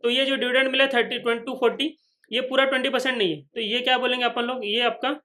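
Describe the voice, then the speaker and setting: Fast bright-voiced male finance teacher. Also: extremely high pitch, steady tone. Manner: repeats points, asks students if they follow; voices imagined students' questions. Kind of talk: whiteboard lecture.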